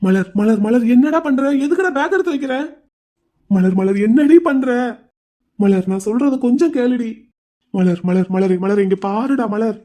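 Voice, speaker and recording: A woman's voice: on the high side, lively intonation, moderate pace, mellow, close to an everyday voice. A woman voicing an anxious young husband in a cartoon drama, pleading with his wife not to leave. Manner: pleading, coaxing.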